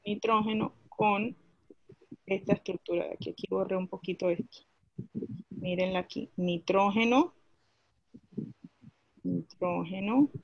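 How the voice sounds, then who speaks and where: A woman's voice: medium pitch, fairly even intonation, normal speed, no room sound, lo-fi sound. A woman teaching a class, explaining a chemistry lesson step by step and asking her students questions as she goes.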